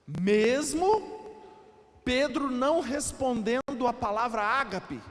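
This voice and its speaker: A man's voice: very high-pitched, slow. A Brazilian man preaching a sermon as pastor. He explains with emphasis and acts out the quotes he reads. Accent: Brazilian Portuguese. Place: church hall. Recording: reverberant church hall.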